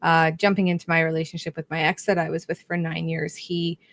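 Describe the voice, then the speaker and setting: A woman's voice: low voice, flat delivery, brisk, gravelly, fairly bright tone. A young woman co-hosting a podcast, chatting casually in a rambling, self-correcting way. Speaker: podcast co-host. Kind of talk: casual chat.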